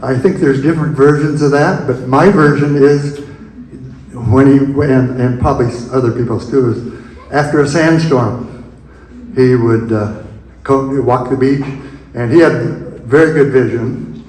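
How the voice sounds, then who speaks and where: An older man telling rambling personal memories at a museum event, halting and chuckling now and then. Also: medium pitch, steady tone, darkish tone, roomy sound, low-quality recording. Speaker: invited speaker.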